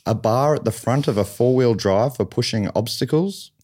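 A man's voice: mid-range voice, normal speed, a little mellow, slightly rough. An Australian man hosting a comedy game show podcast, with dry, teasing banter.

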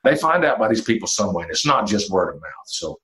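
Country singer-songwriter, man of fifty, very low voice, laid-back storyteller who swears now and then. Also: a little fast, low-quality recording. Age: 50s. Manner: relaxed storytelling with fillers and mild cursing. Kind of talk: casual interview talk.

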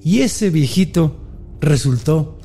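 Gravelly Mexican man retelling a myth. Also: fairly high pitch, slow, faint music behind. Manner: slangy, animated, jokey retelling. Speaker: podcast storyteller. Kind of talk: casual mythology storytelling.

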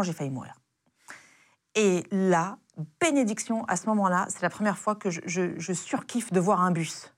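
A young adult woman, a former intelligence officer, casually retelling a dangerous encounter in a lively, slangy way with many fillers. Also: fairly low pitch. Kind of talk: casual spoken storytelling.

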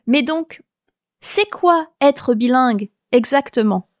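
A woman in her thirties or forties, from France, hosts a podcast with a high, light voice. She talks in a chatty, explanatory way with a touch of humour. The recording is close and dry, with no room sound. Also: lively intonation, slow pace, dry recording, soft background music. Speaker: podcast host. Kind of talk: scripted podcast monologue.

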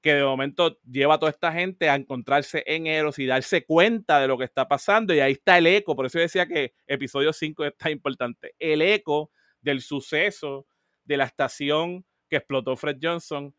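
Animated man, slightly high voice. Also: normal speed, no echo, clean studio sound. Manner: animated, mixes English words into Spanish, frequent restarts. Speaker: podcast co-host. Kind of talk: casual discussion of a TV series.

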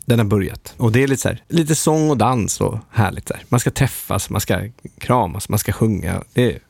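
A man's voice: fairly low pitch, gravelly, darkish tone, breathy edge, no echo. A man telling a casual anecdote in a rambling, self-interrupting way, often laughing at himself.

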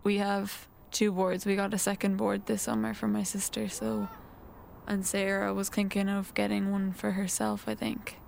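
A woman's voice: mid-range voice, level tone, normal speed, vocal fry, darkish tone, a little hiss or hum. A seventeen-year-old young woman from Galway with a west of Ireland accent, explaining things casually as an interviewee.

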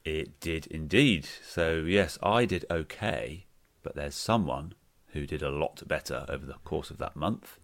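A man's voice: a bass voice, measured pace, vocal fry, no echo. A man hosting a podcast, chatting casually and joking with his guest. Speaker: podcast host. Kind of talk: casual chat.

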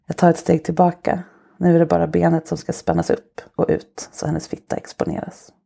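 A woman podcast host reading an erotic short story aloud in a slow, soft, intimate way. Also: on the low side, level tone, creaky, slightly rough.

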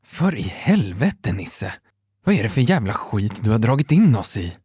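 Guy doing a foul-mouthed angry thug, dark mellow voice, dry close sound, horror audio drama. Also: fairly low pitch, sing-song, breathy edge, no echo, heavily acted. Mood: furious. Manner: cursing, angry. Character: hot-tempered foul-mouthed male thug.

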